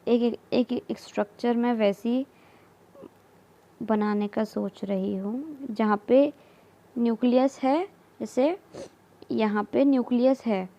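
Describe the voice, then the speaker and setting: A woman walks through a biology lesson at a very slow, deliberate pace, repeating each term and checking in often. Her voice sits a little high yet sounds mellow and soft. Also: steady tone, highs cut off. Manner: slow, repeats terms, mixes English terms into Hindi, frequent "theek hai". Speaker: biology teacher. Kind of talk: explaining while drawing diagrams.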